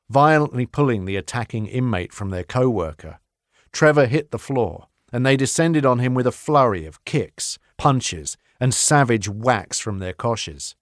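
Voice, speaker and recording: A man reading a horror novel aloud in steady, measured audiobook narration. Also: mid-range voice, no echo, clean studio sound.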